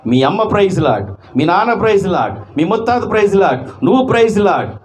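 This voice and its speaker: A man's voice: sits high, sing-song, fast, a little mellow, voice pushed up. A man playing a furious quarrelling woman.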